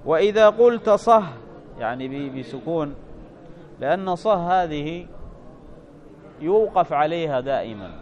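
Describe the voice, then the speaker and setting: A man with a high voice teaches a grammar lesson. He reads passages of a classic text aloud with extra force, then slows down to explain them patiently. Now and then he asks whether the point is clear. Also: muffled recording. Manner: reads quoted text louder, then explains calmly with checks for understanding.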